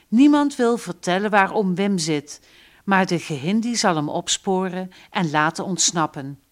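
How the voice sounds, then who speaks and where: Woman voicing a teasing, eager youngest brother. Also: lowish voice. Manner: teasing, giggling.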